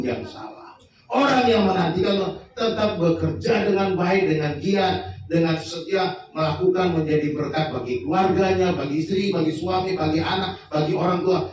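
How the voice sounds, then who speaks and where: A man's voice: high-pitched, slight background noise. A man preaching a sermon, joking and acting out little everyday scenes. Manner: humorous, acts out little scenes in voices. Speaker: pastor. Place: large church hall. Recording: echoey church hall, mic at a distance.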